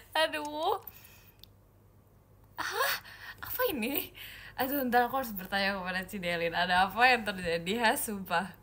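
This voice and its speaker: A woman's voice: a little high, fairly bright tone. A young woman chatting casually on a livestream, reading fan comments with giggles and squealing exclamations. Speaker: idol group member livestreaming.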